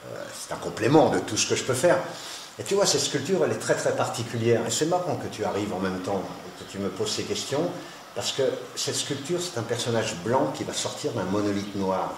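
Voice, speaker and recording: A man's voice: lowish voice, lively intonation, brisk. A man playing a proud artist in cathedral echo. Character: man, successful artist now living in the mountains, friendly and self-assured. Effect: cathedral echo, voice ringing in a vast resonant hall. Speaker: artist, sculptor and painter. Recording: cathedral-like echo, faint noise.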